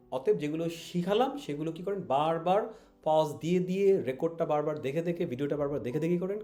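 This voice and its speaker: A man with a Bangladeshi accent teaching English pronunciation online, repeating each word slowly and mixing in English phrases. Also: fairly high pitch, a little mellow. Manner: drills words with slow repetition; mixes English phrases into his talk.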